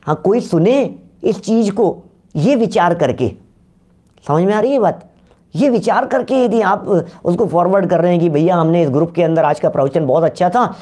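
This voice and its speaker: A man giving a Jain religious discourse in Hindi, questioning his listeners and reciting scripture slowly. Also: high-pitched, a little mellow.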